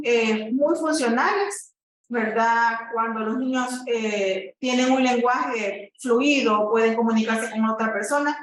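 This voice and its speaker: A woman's voice: sits high, fairly bright tone. A woman therapist giving a lecture, explaining at length and often checking in with the audience. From El Salvador. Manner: explanatory, frequent "¿verdad?" tags and fillers. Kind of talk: teaching presentation. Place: lecture room. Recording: echoey room, voice far from mic.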